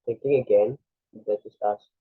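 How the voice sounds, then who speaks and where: A man reads a storybook aloud, sometimes stumbling and correcting himself. His voice is low and husky. The recording is dry and tinny, like a phone line. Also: steady tone, no echo. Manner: halting, self-correcting reading. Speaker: reader.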